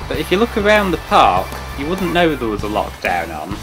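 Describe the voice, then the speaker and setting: A man's voice: mid-range voice, huge pitch swings, moderate pace. A man narrating his vlog in a plain, matter-of-fact way. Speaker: vlog host. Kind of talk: scripted narration. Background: guitar music.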